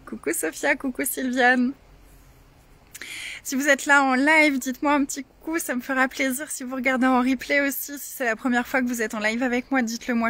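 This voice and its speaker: A woman's voice: on the high side, a bit bright. A woman coach talking casually to followers on a livestream, her voice resounding in an echoing space. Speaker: coach hosting a live session.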